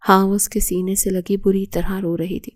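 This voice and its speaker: A woman narrating a romantic audio novel with a steady storytelling read. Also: mid-range voice.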